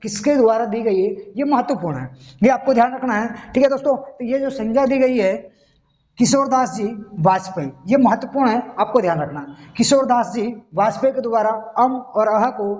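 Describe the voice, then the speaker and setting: A man's voice: very high-pitched, moderate pace, a little mellow. A man giving a grammar lesson step by step, often stopping to check that the listener is following. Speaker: Hindi grammar teacher. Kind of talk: classroom-style video lesson. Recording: dull lo-fi recording.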